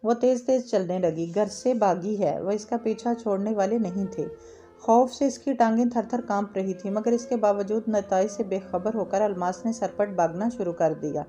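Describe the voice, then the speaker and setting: A woman reading a novel aloud in a steady, slightly halting way, with small slips and restarts. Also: medium pitch, muffled recording, soft background music. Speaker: story reader.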